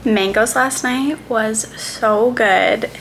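Young female travel vlogger, bright chatty delivery, phone mic in a hotel room. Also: on the high side, faint music behind. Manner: upbeat, chatty, quick recommendations. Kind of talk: casual vlog chat to camera. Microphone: phone camera at arm's length.

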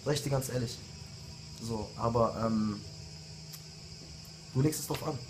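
Here the late-20s rapper's voice sits at medium pitch and moves a little slowly, with background noise in the recording. He still delivers a heated, insulting diss straight to his rivals, an angry video rant packed with repeated jabs.

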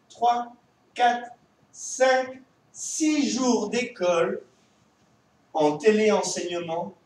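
A man with a French accent teaching young children from home, his voice high for a man and lifting in a sing-song line. He talks slowly and patiently, stretching his words. He sounds set back from the mic in a very echoey room. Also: far from the mic, a little hiss or hum. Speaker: kindergarten teacher. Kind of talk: remote classroom lesson for young children.

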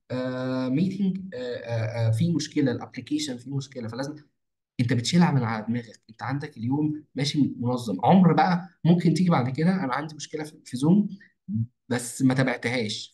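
A young man with an Egyptian Arabic accent talks at a very fast clip in an ordinary mid-range voice. He explains a planning routine step by step like a mentor, piling up fillers, false starts and repeated phrases. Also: mid-range voice, darkish tone. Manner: rapid, repetitive, with many false starts and stretched fillers. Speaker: marketing mentor. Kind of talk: casual screen-share tutorial.

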